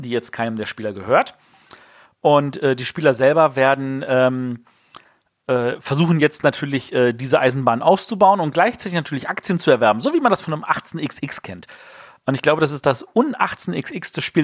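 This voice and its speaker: A man's voice: on the high side, dry recording, clean studio sound. A man co-hosting a board game podcast, reviewing games in a casual, rambling way with many fillers.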